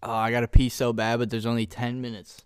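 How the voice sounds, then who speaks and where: A man's voice: mid-range voice, monotone, quick pace, clean tone, no room sound, clean studio sound. Crude joking young man. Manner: joking, crude, talks over his co-host. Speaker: podcast co-host. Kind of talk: casual crude comedy chat.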